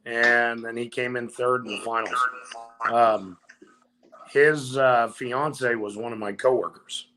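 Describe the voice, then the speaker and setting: A man's voice: mid-range voice, steady tone, slow, sharp tone. A man chatting casually as a panelist on a talk show. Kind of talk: casual chat.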